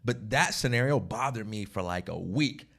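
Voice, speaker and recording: As co-host of a casual podcast chat, a man tells stories animatedly, laughing often and acting out quotes. He has a lowish, gravelly voice at a moderate pace.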